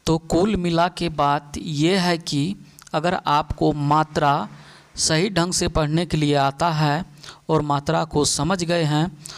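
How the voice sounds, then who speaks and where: A man teaching reading as a teacher, reciting letters and syllables one by one in a slow, deliberate classroom style. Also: fairly high pitch, low-quality recording.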